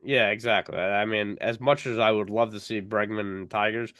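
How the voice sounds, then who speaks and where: A man's voice: lowish voice, fairly even intonation, brisk, fairly bright tone, dry recording, clean studio sound. A man co-hosting a casual sports podcast, stammering through restarts and laughing with his co-hosts. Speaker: podcast co-host.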